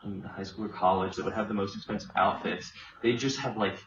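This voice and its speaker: A man's voice: fairly low pitch, steady tone, a little fast. A young man from Los Angeles, a student being interviewed, chatting casually and rambling with many fillers and restarts. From Los Angeles, USA. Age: young adult. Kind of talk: casual chat. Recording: roomy, distant, dull, faint noise.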